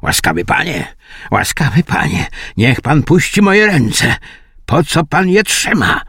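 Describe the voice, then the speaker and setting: A man voicing a panicky middle-aged gentleman who pleads in a flustered way. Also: on the high side, wildly swooping pitch, a little slow, vocal fry, husky, no echo, clean studio sound, voice pushed up, full character voice. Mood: pleading.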